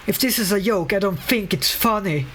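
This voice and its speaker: A man's voice: high voice, normal speed, a bit bright, faint music behind, voice pushed up. A man putting on the voice of a grumpy working-class male painter who complains that his crew has gone missing. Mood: indignant. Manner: indignant read-aloud complaint in a put-on voice.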